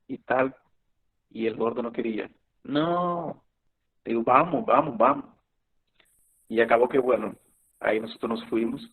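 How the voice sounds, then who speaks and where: A middle-aged man giving a personal testimony, telling his story in a halting way with many fillers and restarts. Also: mid-range voice. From Colombia. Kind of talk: spoken testimony to a youth meeting. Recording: tinny phone-like recording.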